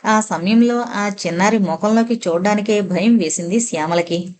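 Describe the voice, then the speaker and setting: A woman narrator reading a novel aloud in a steady, expressive storytelling manner. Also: medium pitch, moderate pace, slight background noise.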